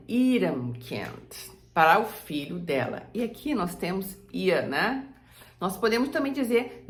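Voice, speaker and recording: A Brazilian woman teaching German grammar and saying example sentences slowly for the viewer to repeat. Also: fairly low pitch, reverberant. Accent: Brazilian Portuguese. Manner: slow, drawn-out model sentences for repeating. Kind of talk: language lesson.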